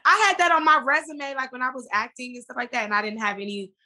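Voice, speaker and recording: An actress and business owner appears as a podcast guest, chatting casually in an informal, slangy style. Her high voice is steady, quick, pushed, and bright.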